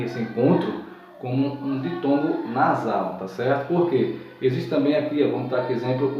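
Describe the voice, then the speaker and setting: A man teaches a grammar lesson at an even, patient pace, going over each point more than once and stopping to check that his listeners follow. He sounds some way from the mic in a very echoey room. The sound is dull and muffled. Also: mid-range voice, far from the mic.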